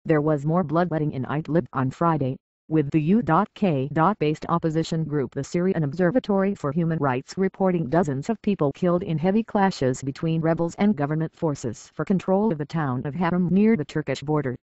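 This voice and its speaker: A news reader delivering a scripted report in an even, measured way. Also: mid-range voice, dry recording, highs cut off. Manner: even, measured read of a written wire story.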